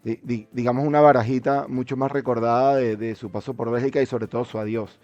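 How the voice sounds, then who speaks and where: A man's voice: medium pitch, steady tone, brisk, darkish tone, no echo, dull audio, faint music behind. A man in a casual football discussion, speaking as a commentator in a hesitant way, often repeating words mid-sentence.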